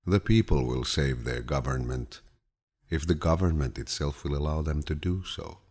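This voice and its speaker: Slow and scripted, this audiobook of quotations is narrated by a man whose husky, deep, low voice carries a gentle, grandfatherly calm meant to soothe.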